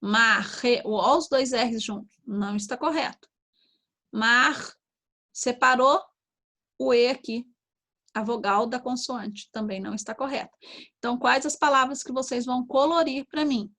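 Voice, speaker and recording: Woman, Brazilian Portuguese, primary teacher, slightly high voice, sounds out syllables, patient. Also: bright, forceful tone. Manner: slow, sounding out syllables, frequent "tá?" and "ó". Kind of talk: online lesson to young children.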